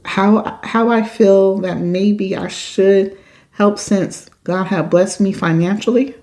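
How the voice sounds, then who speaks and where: A woman's voice: medium pitch, steady tone, slow pace, mellow. A woman podcast host reading a listener's letter aloud and reacting to it in an emphatic, outspoken way. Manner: emphatic, outspoken, swears when upset.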